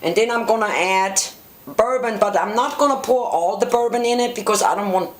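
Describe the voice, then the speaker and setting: A woman with a German accent talks through a recipe one step at a time, with the odd slip in her English. Her voice sits at a middle pitch and rings off the hard surfaces of an echoey kitchen. Faint clatter of pans and stirring sits behind her. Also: brisk, background noise. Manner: plain step-by-step explaining with small grammar slips. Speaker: home cook. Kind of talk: cooking demonstration. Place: home kitchen.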